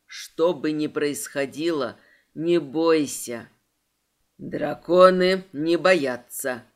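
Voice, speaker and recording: Karkhidon, a woman doing a deep grave dragon. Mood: urgent. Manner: grave, slow and measured. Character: ancient solemn male dragon.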